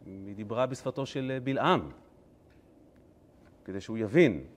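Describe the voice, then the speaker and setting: A male rabbi giving a Torah lesson, telling the story in an animated, humorous way. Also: fairly low pitch.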